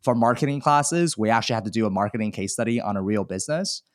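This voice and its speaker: Fast and animated, his low-leaning voice comes through clean studio sound with no echo. He's a Chinese e-commerce seller in his thirties, a podcast guest chatting candidly and self-deprecatingly about his life in a casual interview.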